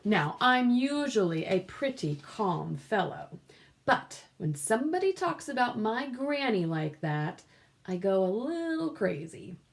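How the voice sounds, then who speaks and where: A woman's voice: medium pitch, big pitch swings, gravelly. A woman voicing a sly, self-justifying wolf who tells his story with dramatic emphasis in a children's storybook read-aloud. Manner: dramatic, drawn-out emphasis, conspiratorial asides.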